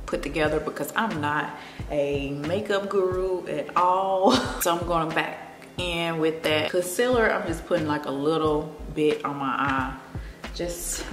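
A young beauty vlogger from Memphis, Tennessee, with a Memphis Southern accent, chats casually while doing her makeup at home, drifting between makeup steps and personal talk in a relaxed, confiding way. Her voice is low-pitched with a little hiss or hum. Recorded in an echoey room with plants, music playing behind her.

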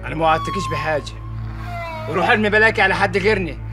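A man's voice: high-pitched, racing, natural voice. An actor playing a callous, scornful young Egyptian man with a cold, dismissive way of talking, in a TV drama with a music score. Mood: callous, mocking.

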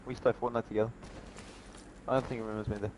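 A man's voice: lowish voice, level tone, a little hiss or hum, low-quality recording. A man on voice chat calling out enemy positions to a teammate and teasing her. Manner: teasing, rapid directional callouts. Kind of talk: casual gaming callouts.

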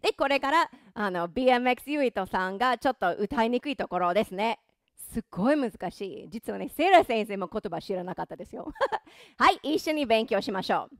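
A woman's voice: fairly high pitch, lively intonation, a little fast, no echo, studio quality. A woman teaching English pronunciation through a song, speaking in an encouraging, playful way and joking about her own voice. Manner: encouraging, playful, self-deprecating. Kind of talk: pronunciation and singing lesson.

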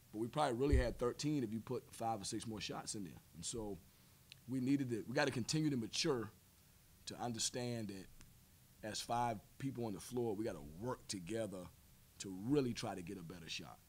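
Facing reporters after a game, a head coach in his forties speaks into a stand-mounted table mic in a press room. His voice is mid-range and slightly rough, his pace measured, and he leans on fillers and repeated words.

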